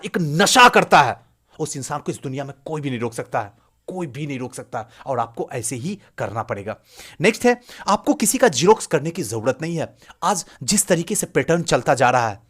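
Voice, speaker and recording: A man's voice: high-pitched, fairly bright tone. A male coaching teacher from Bihar, speaking Hindi with a Bihari accent, gives a fervent motivational lecture to exam aspirants, exhorting them and firing off rhetorical questions.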